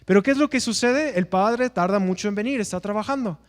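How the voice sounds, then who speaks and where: A man's voice: high-pitched, fairly quick, long reverb tail. A man teaching an evangelism class in a church, earnest and preacher-like, asking rhetorical questions and answering them himself.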